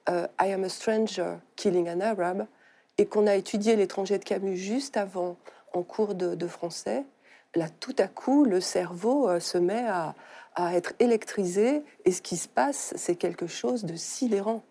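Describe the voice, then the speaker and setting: A middle-aged woman novelist, born in Algeria, speaking thoughtfully on a talk show with many pauses and fillers. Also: mid-range voice, warm tone. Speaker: novelist guest. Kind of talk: studio talk show conversation.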